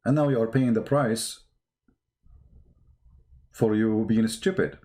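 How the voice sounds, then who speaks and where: Speaking slowly in a warm, steady, lowish voice, this man offers off-the-cuff polemics online, hammering his points through repetition and rhetorical questions. English is his second language, not his native one.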